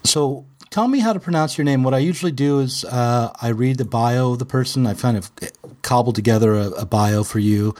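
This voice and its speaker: A man hosting a podcast at an even, mid pitch. He reads a measured, scripted intro, then talks loosely and haltingly with his guest. Faint music plays behind part of it. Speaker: podcast host and publisher.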